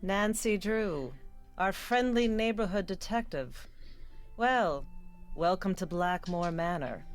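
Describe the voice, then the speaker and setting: A woman's voice: mid-range voice, takes it slowly, soft background music, natural voice. An actress playing a gracious, formal adult woman in a video game.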